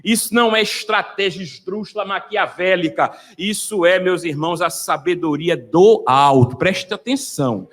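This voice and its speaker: A pastor preaches with fervor, his high voice rising as he calls out to the congregation. His tone is bright and forceful, and it rings out with the long reverb of a large hall. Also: moderate pace, hardly any pauses. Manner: fervent preaching, calling out to the congregation. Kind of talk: sermon.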